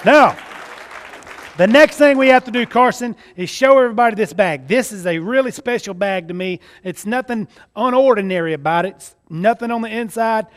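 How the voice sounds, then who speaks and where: A faint crowd can be heard as a Mississippi stage magician with a Southern US accent coaches a child volunteer at a live kids' show. His high voice is a little fast, with hardly any pauses, full of showy, jokey party-magician patter.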